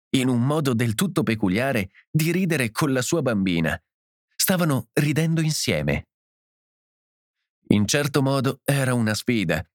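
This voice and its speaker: A man reading a story aloud in a measured, expressive way. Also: mid-range voice, no echo, studio quality. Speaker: audiobook narrator. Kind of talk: scripted narration.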